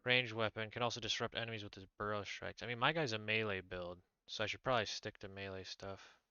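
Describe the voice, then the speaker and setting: A man streamer casually commenting on his gameplay, thinking out loud and reading in-game text aloud. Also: lowish voice, steady tone, quick pace, dull audio. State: hiccuping.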